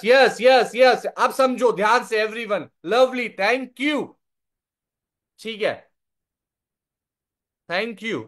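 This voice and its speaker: A man's voice: extremely high pitch, a bit bright. A young man giving a live online sales training, repeating his points and checking that listeners follow.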